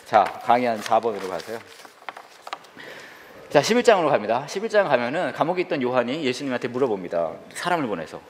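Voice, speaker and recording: A middle-aged man, a senior pastor, preaching a humorous sermon and acting out little scenes in squealing high voices. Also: sing-song, fast talker, slight background noise. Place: church sanctuary. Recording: reverberant church hall.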